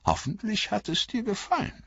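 A man putting on a high chatty old hobbit. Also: big pitch swings, moderate pace, gravelly, fairly bright tone, husky, no room sound, exaggerated voice. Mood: fond. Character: cheerful old male hobbit, chatty and sly. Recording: slightly muffled dry recording.

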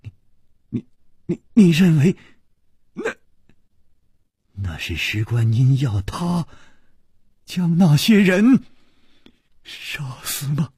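A man voicing an agitated young male heir who stammers in shrill, disbelieving outbursts. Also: big pitch swings, measured pace, a little mellow, husky, dry recording, heavily acted. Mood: shocked.

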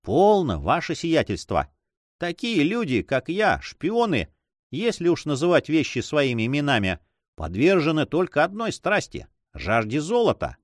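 A man's voice: a little high, wildly swooping pitch, moderate pace, no echo, studio quality. A man voicing a cold, calculating spy in an audiobook, coolly polite and deferential. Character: cold, calculating male spy, greedy for gold. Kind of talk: audiobook reading.

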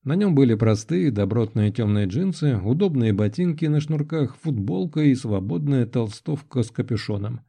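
Very dark-voiced male audiobook narrator. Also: medium pitch, creaky, breathy edge. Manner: calm, measured storytelling. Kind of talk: scripted first-person narration.

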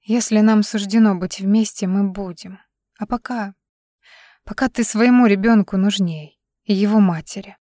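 Heartbroken young woman, soft and subdued, as the narrator reads her. Dry, close sound. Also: medium pitch, moderate pace, no room sound, natural voice. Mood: sad.

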